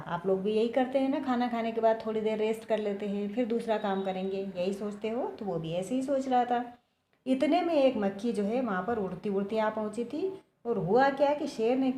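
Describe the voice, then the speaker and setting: A woman's voice: medium pitch, warm tone, slight background noise. A woman teacher reading and explaining a story to young pupils, often asking them questions. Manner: explanatory, asks the children questions. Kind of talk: children's lesson, story retelling. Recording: echoey room.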